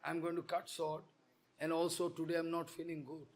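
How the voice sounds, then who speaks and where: High-voiced man giving a halting sermon. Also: flat delivery. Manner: halting, simple broken English in short phrases. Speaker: spiritual teacher. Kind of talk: storytelling sermon with interpreter.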